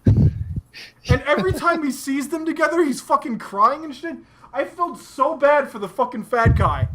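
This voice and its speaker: Woman co-host, profane animated ranting, noisy background hiss. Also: high-pitched, measured pace. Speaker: anime discussion podcast co-host. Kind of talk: casual chat.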